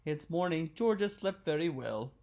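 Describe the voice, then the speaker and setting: A woman reads a children's picture book aloud in a lively, animated voice that swings up and down. Her voice sits a little low. She takes it one line at a time, slowly and clearly, so that a child can repeat each line. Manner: animated, with loud acted sneezes. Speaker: storybook reader.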